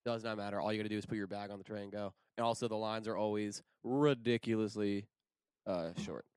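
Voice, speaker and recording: A man's voice: on the low side, quick pace, clear, resonant tone, no room sound. A young man in a casual chat with friends, telling stories in slangy, profanity-laced talk. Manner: profane, slangy, animated storytelling. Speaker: screenwriter.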